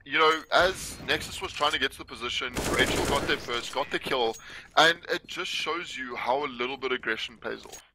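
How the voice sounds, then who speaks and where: A man giving analytical color commentary on an esports match, explaining positioning and catching his own slips mid-sentence. His voice sits at an ordinary pitch for a man, with game gunfire and clicks clearly audible in the noisy stream audio. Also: fairly quick. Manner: explanatory, self-correcting, with some restarts. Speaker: esports co-caster and coach.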